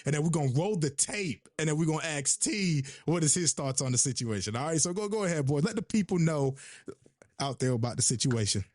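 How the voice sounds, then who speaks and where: Male podcast host, high voice, lively, playful teasing, dry close sound. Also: a little fast, no room sound. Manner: loud, animated, playful teasing. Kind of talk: casual chat.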